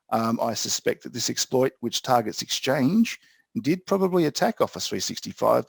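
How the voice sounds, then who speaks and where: A man's voice: lowish voice, gravelly, no echo. A man with an Australian accent giving an informal tech explainer as co-host, plain-spoken and emphatic in colloquial language. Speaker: co-host and IT specialist.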